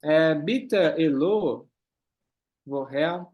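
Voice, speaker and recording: A man teaching a German class, reading lines slowly and then explaining them quickly. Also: on the high side, muffled recording. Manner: switches between slow careful German and quick explanations. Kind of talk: online class, reading dialogue and translating.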